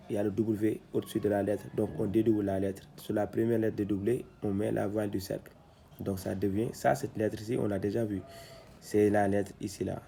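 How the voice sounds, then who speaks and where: A man teaching a reading lesson, spelling out syllables one at a time and explaining each rule slowly with fillers and restarts. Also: lowish voice, vocal fry, warm tone, a little hiss or hum.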